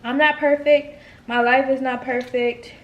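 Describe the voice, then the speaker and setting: A woman in her twenties chats casually to the camera while eating in a mukbang, cheering her viewers on and calling them y'all. Her high voice is unhurried with fairly even intonation, and the recording is muffled and echoey, as if she sits far from the mic.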